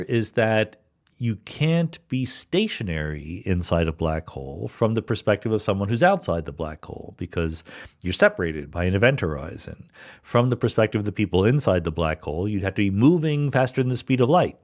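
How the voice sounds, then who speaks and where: On the low side and sing-song, this man's brisk voice carries a solo explanatory podcast where he answers listeners' questions. He walks through physics concepts patiently, thinking aloud and sprinkling in frequent "right?" and "okay?" check-ins.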